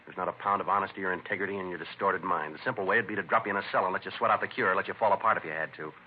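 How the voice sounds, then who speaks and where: In a muffled, noisy vintage recording of a 1950s radio drama, an actor plays a stern, clipped, no-nonsense police detective. His low male voice races along close to an everyday tone, terse and authoritative as he lectures sternly and matter-of-factly.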